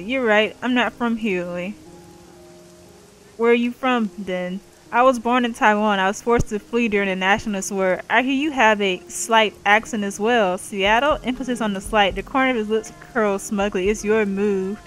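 A woman's voice: mid-range voice, fairly bright tone, rough recording. A woman playing a role-playing game, reading its narration and every character's lines aloud in her own voice and adding playful asides. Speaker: gaming YouTuber reading game dialogue aloud. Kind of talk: let's play commentary and reading.

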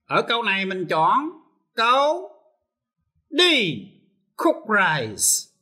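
Male teacher, slow and bright, lively pitch, TV lesson. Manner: explains step by step, switching between Vietnamese and English. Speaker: English teacher. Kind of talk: televised lesson.

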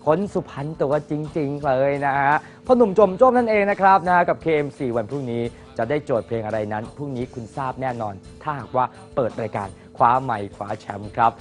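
A man hosting a TV show, talking to the viewers in a brisk, playful way with lots of chatty polite tags. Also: medium pitch, expressive, faint music behind. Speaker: TV show host. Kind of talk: lively hosting to camera.

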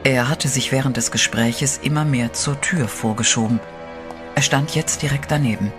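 A man narrates a horror radio play in a steady, dramatic way, his mid-range voice moving at normal speed. Loud music plays underneath his narration.

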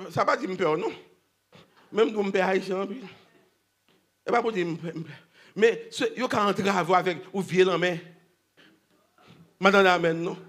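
A preacher with a high, bright voice delivers a sermon at a church convention. He swings from loud shouting down to hushed, quiet storytelling, calling back to the congregation.

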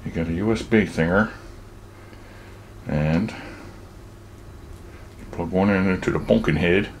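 A man's voice: deep voice, slow, slight background noise. A man in his sixties giving a casual, rambling toy demo in a folksy, playful way. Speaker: product demonstrator. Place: home kitchen. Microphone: camera a few feet away.

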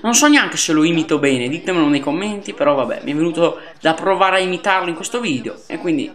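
Guy w a highish voice hyping up his football game to viewers, super chatty. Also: fast, echoey room. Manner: excitable, chatty, addresses viewers as guys. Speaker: gaming youtuber. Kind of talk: casual gameplay commentary.

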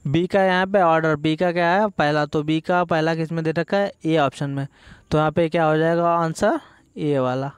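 A man with a somewhat high, smooth, resonant voice teaches an exam-prep biology lesson. He goes through each multiple-choice question step by step, asking a question and then answering it himself. The sound is dry and close, with no room echo. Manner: explains step by step, asks and answers his own questions; reads the English questions aloud slowly.

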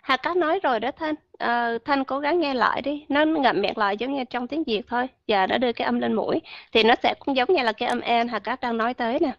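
Fairly high-voiced woman teaching pronunciation. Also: vocal fry, no room sound, highs cut off. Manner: patient explaining, often models English words slowly. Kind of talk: online class lesson.

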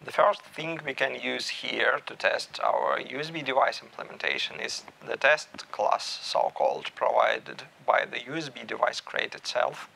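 A man in his thirties giving a technical talk at a meetup, measured and thinking aloud with small restarts. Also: medium pitch, animated, creaky, sharp tone, a little hiss or hum, low-quality recording. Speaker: meetup speaker. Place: small room with stage curtains.

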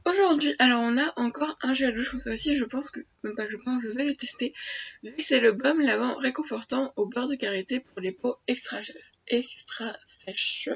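This is a casual daily unboxing vlog from a teenage beauty vlogger in her small attic bedroom, her speech packed with fillers and restarts. A cold has left her stuffy-nosed, and her slightly high voice sounds gravelly and husky at a moderate pace. Audio from the built-in webcam mic is dull and lo-fi, with faint noise.

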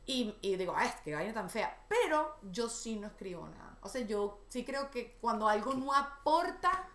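A Venezuelan woman hosting a talk show, chatting in an animated way with quick asides. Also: fairly high pitch. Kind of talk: casual chat. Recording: echoey room.

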